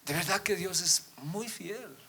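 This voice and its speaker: A man preaching a sermon to his congregation, reading scripture aloud and asking rhetorical questions, swinging between loud emphatic peaks and quiet low drops. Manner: addresses listeners as brothers, asks rhetorical questions; reads scripture aloud, often slowing down. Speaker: pastor.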